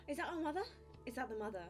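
A woman's voice: sits high, lively intonation, quick pace, music in the background. A woman playing a video game, gushing, gasping and exclaiming with delight as she comments. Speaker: gaming video host. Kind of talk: let's play commentary.

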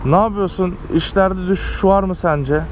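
Man, casual vlog interviewer, outdoor action-camera sound with clear street noise. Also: high voice, moderate pace. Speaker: courier vlogger and interviewer. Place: outdoors on city pavements. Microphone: action camera worn by speaker.

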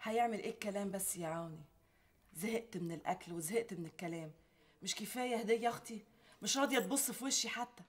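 A woman's voice: mid-range voice, quick pace, natural voice. A woman with an Egyptian accent playing a frustrated, complaining wife who longs for a child in a TV drama. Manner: complaining, reproachful. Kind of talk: TV series acting.

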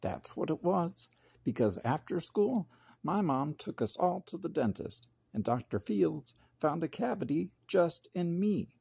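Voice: mid-range voice, very animated, unhurried, vocal fry, darkish tone, husky, dry recording. A storybook narrator reading aloud expressively as a grumpy young boy, with dramatic, emphatic phrasing.

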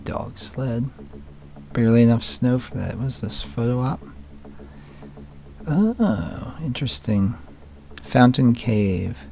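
Slow, gravelly-voiced man with wry asides. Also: mid-range voice, expressive, darkish tone, slight background noise. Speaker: channel host. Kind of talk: casual commentary on old photos.

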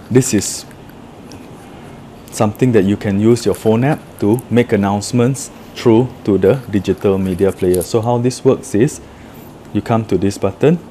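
In an indoor office room with a table, a man casually walks through a product demo, plainly explaining each step. His voice is fairly low and dark, with slight background noise.

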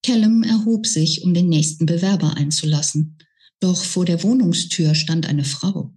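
A woman author reading her own novel aloud in an unhurried, even manner. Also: on the low side, breathy edge. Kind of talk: book reading.

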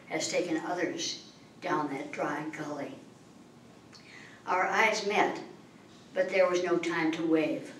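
Older woman, very slow deliberate poetry reading, pauses between phrases, echoey room, distant mic. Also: fairly low pitch. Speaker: open mic poet. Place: library meeting room, at a podium. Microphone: podium mic, far camera. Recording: echoey room from far off, faint hiss.

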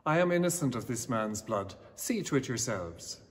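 Middle-aged clergyman with medium-pitched voice. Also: very animated, moderate pace. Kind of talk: formal scripted scripture reading. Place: indoors.

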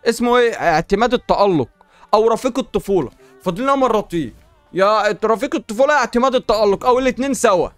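A male YouTuber with an Egyptian accent narrates pack openings in a video game with excitement, shouting and replying to the game. His voice sits high, and the recording has no room sound.

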